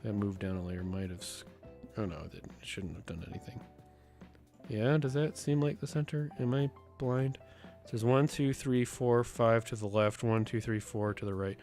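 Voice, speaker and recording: A man streaming live with a sick, rough voice. He chats casually and thinks aloud as he builds a map, often counting under his breath. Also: lowish voice, steady tone, moderate pace, darkish tone, faint music behind. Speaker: streamer and host.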